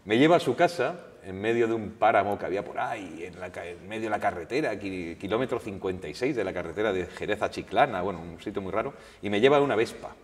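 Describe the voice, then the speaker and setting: Lower-voiced male journalist telling anecdotes. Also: fast, few pauses. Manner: lively, animated, with restarts and quoted dialogue. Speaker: journalist, guest. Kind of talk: anecdotal storytelling at a public talk. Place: public lecture hall. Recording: reverberant lecture hall.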